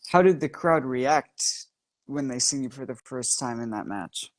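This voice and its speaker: A man's voice: mid-range voice, a little slow. A man hosting a casual interview, asking questions and giving short back-channel replies. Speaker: interview host.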